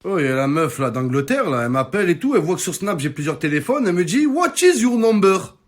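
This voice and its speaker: Male, higher-than-average voice. Casual comic storyteller, exclamatory, teasing, full of slang. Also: expressive, fast. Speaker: social media comedian. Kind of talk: casual comic rant to followers.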